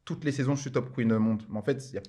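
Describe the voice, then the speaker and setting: A man speaking quickly in a loose, slangy way as a podcast guest. He tells his stories in a relaxed chat and leans on filler words. His pitch sits in a middle range. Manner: slangy, rapid, full of fillers like genre and en mode. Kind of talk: casual storytelling chat.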